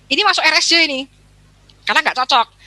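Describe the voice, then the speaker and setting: Animated Javanese-accented woman lecturing. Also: sits high, fast, dry recording. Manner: chatty, keeps addressing the audience; acts out quoted dialogue. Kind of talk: lively seminar talk.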